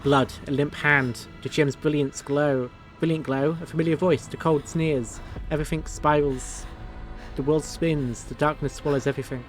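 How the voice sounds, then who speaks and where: Male streamer, reads game narration, swears, sarcastic comments; slightly high voice. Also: steady tone, normal speed, soft background music. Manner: crude, sarcastic asides. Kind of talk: reading game text aloud with casual commentary.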